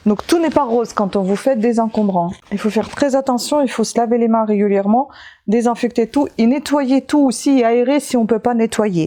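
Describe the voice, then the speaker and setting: A woman's voice: on the high side, dark tone. A woman chatting casually to camera as she shows her street finds, rambling and breaking off for joking asides, tired and overheated. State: hot and tired. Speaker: vlogger showing her street-find haul.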